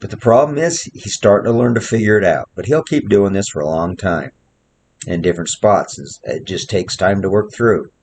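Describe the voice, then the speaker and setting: A man's voice: on the low side, moderate pace, a little mellow. A male horse trainer gives plainspoken commentary while working a horse outdoors in the snow, repeating short coaching phrases. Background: wind.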